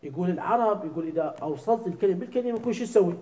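High-voiced teacher quizzing students. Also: male voice, animated, racing, mellow, poor audio. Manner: keeps asking students "clear?" and quizzing them. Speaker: religious teacher. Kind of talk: seminary jurisprudence lesson.

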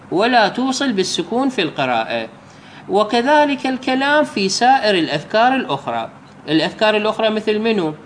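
A man with an Iraqi Arabic accent giving a religious lesson, explaining step by step and slowly reciting example phrases. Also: high voice, a little hiss or hum. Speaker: religious teacher.

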